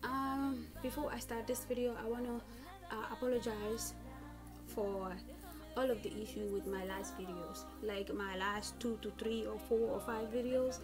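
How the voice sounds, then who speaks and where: A young woman with a fairly high voice talks in a casual, chatty way, like a beauty vlogger walking viewers through a tutorial. She is recorded on a phone at home, with music clearly audible behind her. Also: fairly even intonation, normal speed. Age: young adult. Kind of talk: casual makeup tutorial talk. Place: small room at home, indoors. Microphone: smartphone at about arm's length. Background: background music.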